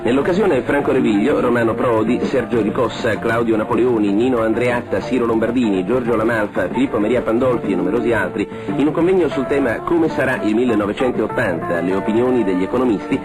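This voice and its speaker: A man's voice: medium pitch, quick pace, few pauses, low-quality recording. A man reading an old newsreel narration in a formal, announcer-like way. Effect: old newsreel narration played back. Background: music under the voice.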